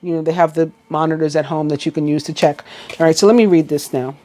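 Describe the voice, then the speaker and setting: A woman with a New York accent reads tarot cards in a loose, chatty way, often pausing on fillers and restarting her sentences. Her voice sits a little low for a woman. She talks straight to her viewers as she goes. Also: fairly even intonation, mellow. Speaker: tarot reader. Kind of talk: casual tarot reading.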